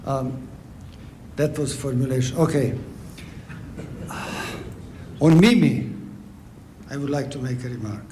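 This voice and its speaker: A man's voice: medium pitch, takes it slowly, pauses often, warm tone, slight background noise. A man with a Serbian accent speaking from the audience, making earnest, formal remarks and stumbling over words at times. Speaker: audience member asking a question.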